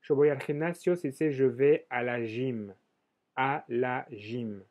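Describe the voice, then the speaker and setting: A man's voice: mid-range voice, fairly even intonation, slow pace, a little mellow. A man teaching French vocabulary, patiently repeating each example phrase.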